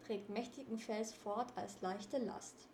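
Brief: eerie ghost woman, slow solemn chanted riddle, read by a woman, roomy echo. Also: on the high side, steady tone, darkish tone, a little hiss or hum.

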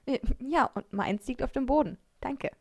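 A woman's voice: sits high, moderate pace, no room sound, clean studio sound, pitched above the performer's own voice. A woman voicing a cheeky, teasing teenage schoolgirl in a storybook.

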